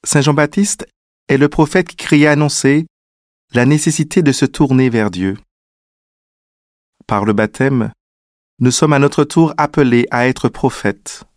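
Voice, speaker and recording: A man leading a guided prayer in a calm, measured liturgical manner, introducing the reading. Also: mid-range voice, no echo, studio quality. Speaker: prayer leader.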